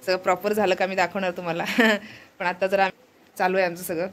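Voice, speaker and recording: A woman's voice: on the low side, level tone, fairly quick. A woman chatting to her viewers as she films her family's festival preparations at a village home, sounding worn out from travel and a headache. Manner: chatty, addresses viewers directly. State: tired with a headache. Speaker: vlogger. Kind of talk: casual family vlog narration. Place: village home during monsoon rain.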